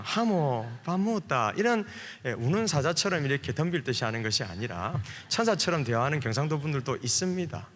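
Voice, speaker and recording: A man's voice: mid-range voice, fairly bright tone, a little hiss or hum. A male pastor from Busan with a Gyeongsang accent, preaching at a revival service in a chatty, joking way with many fillers. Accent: Gyeongsang Korean. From Busan, South Korea. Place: church sanctuary. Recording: long hall reverb from church PA.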